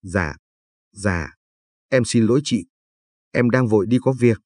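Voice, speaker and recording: A man voicing an apologetic, soft-spoken young mother in a read-aloud story, with a husky voice. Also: on the low side, a little slow, no echo, clean studio sound. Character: well-dressed young mother, polite and pleading.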